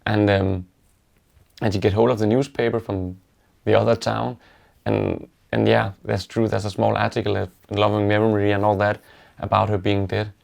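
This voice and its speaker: Here a man from Denmark, with a Danish accent, tells stories in a low, gravelly voice heavy with vocal fry. He speaks in a level, unvaried way, halting and reflective, as if recalling memories in a relaxed interview.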